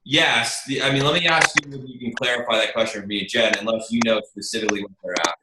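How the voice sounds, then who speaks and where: A fast-talking man with a steady, mid-range voice hosts an online team meeting as a marketing presenter. His casual sales pitch meanders in a chatty, informal way, and he calls his listeners "you guys." The recording, made over a video call, has an echoey room sound, faint noise, and clicks.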